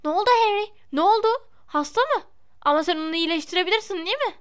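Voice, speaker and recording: Woman doing a gushing, excitable young boy. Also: very high voice, quick pace, voice pushed up. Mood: anxious, eager. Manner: breathless, gushing questions.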